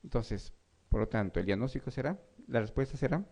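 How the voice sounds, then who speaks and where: A man's voice: mid-range voice, expressive, fairly quick, darkish tone. A man giving an exam review lecture, reading questions and explaining them, often checking in with his students. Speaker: medical lecturer.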